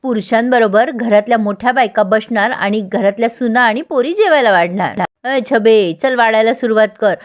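A woman's voice: fairly high pitch, moderate pace, hardly any pauses, highs cut off, lightly acted. A woman doing a bossy, taunting housewife. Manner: taunting, bossy, shouting orders. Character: domineering scornful woman, second wife.

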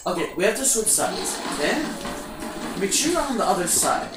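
A young man in a casual let's play, teasing and swearing at his co-op partner and yelling at the game. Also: high-pitched, sing-song, normal speed, very noisy. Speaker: gamer playing co-op. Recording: echoey room, distant mic, loud game music.

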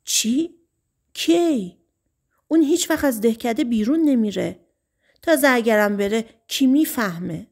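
A woman voicing a skeptical, measured male sheriff in an audiobook, asking slow, doubting questions. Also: a little high, animated, creaky, a little mellow.

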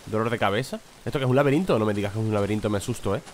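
A man narrates his own horror gameplay in a lowish voice. He reads out what he finds, gets spooked by noises and swears casually. A faint noise floor hums under the recording. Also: rapid-fire. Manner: jumpy, swears, reads game text aloud. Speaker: gaming video host. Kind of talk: let's play commentary.

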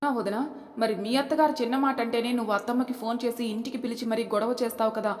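A woman's voice: fairly high pitch, steady tone, fast, close to an everyday voice. A woman voicing an outspoken young daughter-in-law in a family audio story, talking in a firm, pointed way. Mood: defiant. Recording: echoey reverberant room.

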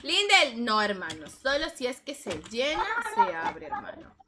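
Young Peruvian woman streamer, high voice, animated slangy storyteller, noisy stream audio. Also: a little slow. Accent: Peruvian Spanish. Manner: animated, slangy, lots of "hermano". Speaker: gaming streamer. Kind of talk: casual storytelling to stream chat.

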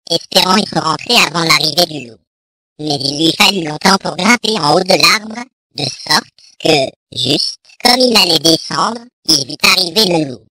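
A narrator reading a fairy tale aloud in a measured, even storytelling manner. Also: medium pitch, slightly rough, poor audio.

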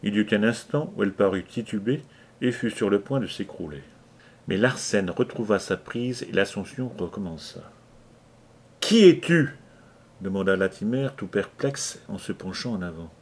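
A man narrating an adventure novel aloud in a measured, dramatic reading. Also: on the low side, slightly rough. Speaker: audiobook reader. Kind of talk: scripted narration.

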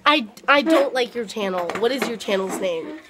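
A woman's voice: on the high side, animated, normal speed, background noise. A teenage girl in a theater cast, giggling and bantering playfully with the camera. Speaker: cast member.

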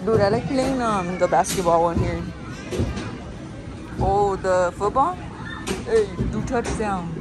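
A young woman talks in a casual, slangy vlog style with plenty of playful swearing. Her pitch sits in a middle range for a woman. Loud music and a busy crowd fill the space around her. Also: takes it slowly, pauses often. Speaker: vlogger. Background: loud music and busy crowd chatter.

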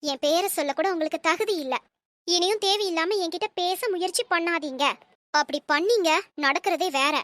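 A woman voicing a cold, defiant young wife in an animated cartoon, speaking in sharp, cutting retorts. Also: very high-pitched, moderate pace, dry recording. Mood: angry, scornful.

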